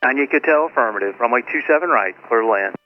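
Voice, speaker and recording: A man's voice: mid-range voice, animated. A man working as an air traffic controller, giving clipped, businesslike instructions to pilots over a two-way aviation radio. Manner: brisk, businesslike, routine phrasing. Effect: two-way aviation radio transmission. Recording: muffled radio audio with faint hiss.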